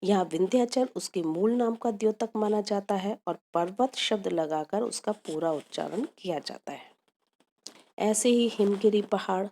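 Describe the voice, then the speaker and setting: Woman lecturer, mellow voice, steady prepared lecture with lots of examples. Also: mid-range voice. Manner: measured, reads from prepared text with examples. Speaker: university Hindi lecturer. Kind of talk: recorded academic lecture.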